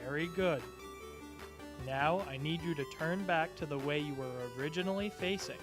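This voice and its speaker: A man's voice: on the high side, lightly acted. A man playing a cheerful disembodied male voice that patiently and encouragingly teaches in a parody instructional video. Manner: slow, simple, encouraging, talking as if to a child. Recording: music playing behind the voice. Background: music.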